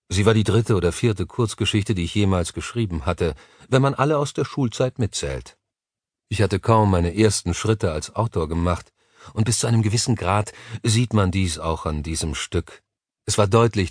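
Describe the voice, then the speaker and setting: A man narrating an audiobook, reading a fantasy story and its author's foreword in a measured, even way. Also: sits low, no echo, clean studio sound. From Germany.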